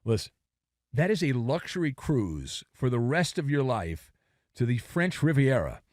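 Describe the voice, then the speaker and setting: A man's voice: medium pitch, very animated, measured pace, a little mellow, dry recording, studio quality. A man co-hosting a sports talk show, delivering an emphatic, sarcastic rant.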